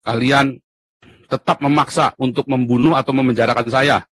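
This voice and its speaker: A man being interviewed in casual conversation, animated and at times emphatic, almost shouting. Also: mid-range voice, normal speed, breathy edge, no room sound. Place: abroad in Europe.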